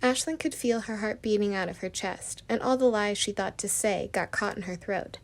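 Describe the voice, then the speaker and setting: Woman storyteller, steady read with some vocal fry, mid pitch. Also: moderate pace. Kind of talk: amateur storybook narration.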